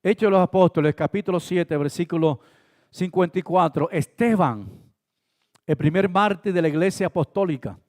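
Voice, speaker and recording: A male pastor delivers a sermon in a high voice. He swings from loud, pressing emphasis to quiet asides. He acts out brief exchanges to make his points. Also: normal speed. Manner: preaching with sudden swings between loud emphasis and soft asides; acts out short dialogues in different voices.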